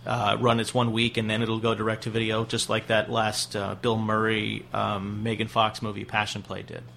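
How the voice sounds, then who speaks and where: A man's voice: fairly low pitch, monotone, normal speed, gravelly, pushed and bright, a little hiss or hum. A man appearing as a film critic guest on a radio show, talking through film releases in an informed, matter-of-fact way. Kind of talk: casual film chat.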